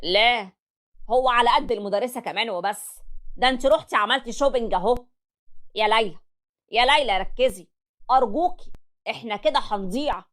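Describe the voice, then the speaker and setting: A woman's voice: on the high side, a little fast, pauses often, fairly bright tone, voice pushed up, close to an everyday voice. A woman with an Egyptian accent voicing a fed-up young husband who scolds his wife. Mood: scolding. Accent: Egyptian Arabic. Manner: scolding, exasperated. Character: fed-up young husband, quick-tempered and loud.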